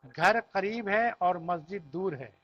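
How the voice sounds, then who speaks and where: A man's voice: high-pitched, measured pace. A man teaching an Arabic class in a classroom, patiently repeating each phrase and explaining it word by word. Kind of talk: classroom language lesson. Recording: dull lo-fi recording.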